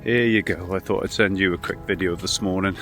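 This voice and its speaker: A man's voice: low voice, steady tone, a little fast, fairly bright tone, faint music behind. A British man chatting casually to camera as a vanlife vlogger, in a rambling, self-deprecating and mildly sweary way. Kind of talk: casual vlog chat.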